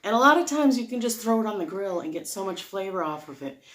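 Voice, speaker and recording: A woman's voice: medium pitch, expressive, quick pace, fairly bright tone. A woman talking casually and off the cuff, rambling into tangents as she earnestly and emphatically explains her advice. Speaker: vlogger sharing diet advice. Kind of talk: casual unscripted explanatory monologue.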